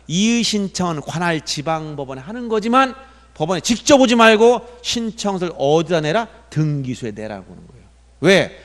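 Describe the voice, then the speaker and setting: Male lecturer, high pitch, exam-prep law class, quizzes the room and answers himself, emphatic, long hall reverb. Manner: asks questions and answers them himself, emphatic.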